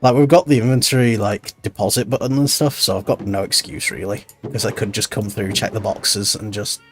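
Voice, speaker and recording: A lowish-voiced streamer talks fairly quickly with fairly even intonation, rambling and thinking aloud during casual commentary on a building game. Background music plays, and he sounds tired and stuffy-nosed with a cold.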